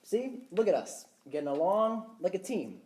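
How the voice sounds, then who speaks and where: Actress as an eager goofball clerk, low mellow voice, echoey stage from afar. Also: female voice, big pitch swings, moderate pace, far from the mic. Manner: eager, over-keen. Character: eager goofy young male store clerk. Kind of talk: student stage play.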